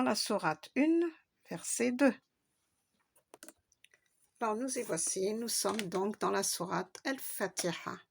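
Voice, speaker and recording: This Arabic teacher, a woman with a creaky, medium-pitched voice, leads a patient reading lesson one step at a time, spelling letters aloud and stretching the long vowels.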